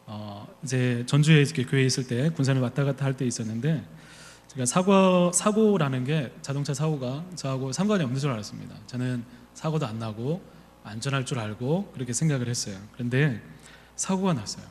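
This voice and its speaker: A man's voice: medium pitch, animated, a little fast, a little mellow. A man preaching a sermon as a pastor, telling a personal story and acting out his own thoughts. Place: church sanctuary. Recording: reverberant church hall.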